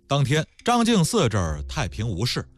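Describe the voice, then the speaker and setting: A man's voice: mid-range voice, wildly swooping pitch, moderate pace. A man telling history in a colloquial, dramatic storyteller's way, with exclamations and acted asides. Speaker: radio storyteller.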